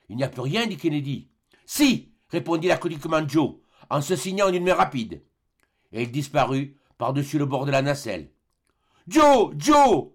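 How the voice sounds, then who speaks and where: A man narrating a classic adventure novel as an audiobook, reading dramatically and dropping low and quiet for tense moments.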